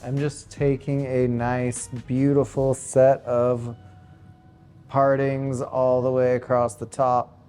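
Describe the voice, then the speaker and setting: A man narrates a hair and makeup tutorial at an unhurried pace, walking through each cut and angle in calm detail. His pitch sits in an ordinary middle range. Soft music plays faintly behind him. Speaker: hairstylist and makeup artist.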